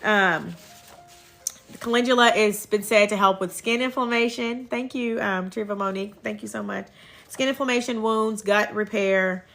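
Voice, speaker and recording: A woman's voice: mid-range voice, moderate pace, a bit bright, faint music behind. A woman with a Kentucky accent chats casually on a livestream as host, folksy and talkative, often breaking off to thank viewers. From Kentucky, United States. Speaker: livestream host and herbal health seller.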